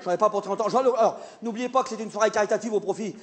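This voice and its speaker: A man playing a flustered, stammering male theatre director in a live comedy sketch, hesitating and then bursting into shouts. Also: high voice, racing, close to an everyday voice. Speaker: comic stage performer. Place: theatre stage with live audience. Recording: live stage recording, audience noise.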